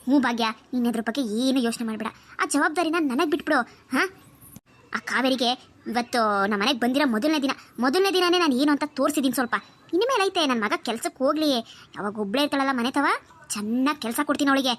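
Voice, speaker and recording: A woman's voice: sits high, animated, fast talker, a bit bright. A woman voicing a domineering, scheming middle-aged aunt in a cartoon, bossy and conspiratorial. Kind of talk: cartoon voice acting.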